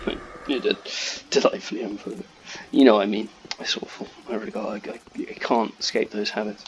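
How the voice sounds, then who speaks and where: A man's voice: sing-song, a little fast, creaky. Rambling, swearing man gaming over background noise. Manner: swearing, digressive, shouts at enemies in high-pitched bursts. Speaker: gamer commentating his playthrough. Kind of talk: casual rambling gameplay commentary.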